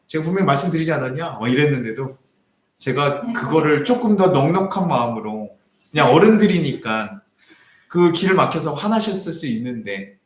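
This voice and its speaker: A man's voice: on the high side, normal speed, slight background noise. A young man preaching a sermon as pastor, telling a personal story and acting out a heated argument. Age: young adult. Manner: animated, acts out quoted arguments in raised voice. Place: church sanctuary. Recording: echoey church hall.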